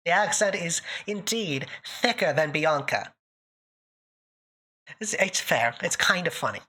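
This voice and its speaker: A woman from northern Canada hosts a livestream, casually chatting with and answering viewers while joking and laughing often. Her thick accent sounds put-on. Her voice is fairly low, expressive, slow, and husky, with a sharp tone and frequent pauses.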